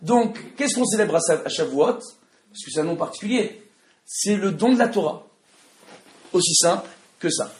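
A man with a Tunisian French accent teaching a religious study class to an audience in a room. He speaks loudly and with emphasis, and often asks his listeners questions. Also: high voice, animated, moderate pace, long pauses. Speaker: Torah teacher. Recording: echoey room.

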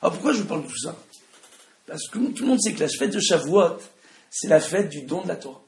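A man with a Tunisian French accent gives an emphatic religious lesson, his voice gravelly and fairly high for a man. He talks loudly and keeps asking his listeners questions. The room has a clear echo. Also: big pitch swings, fairly quick. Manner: loud, emphatic, asks the audience questions. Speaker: Torah teacher. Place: room with an audience. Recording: echoey room.

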